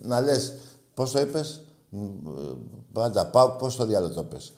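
A man's voice: mid-range voice, big pitch swings, a little mellow, roomy sound. A man hosting a radio call-in show, teasing and mocking his callers in crude, casual banter.

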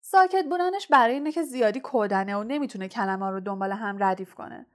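A woman's voice: mid-range voice, close to an everyday voice. A woman voicing a bored, joking teenage boy teammate who speaks in an offhand, teasing way in a storybook reading.

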